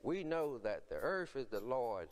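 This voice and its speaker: An older man, a deacon, reading scripture and praying from a podium on a dark church stage in a slow, solemn, measured way. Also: mid-range voice, very animated.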